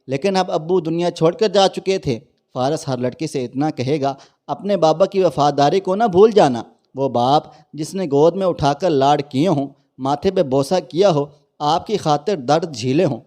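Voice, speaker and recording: A man narrates a dramatic moral story in an emotional, preachy way. His voice sits a little high but sounds mellow and soft.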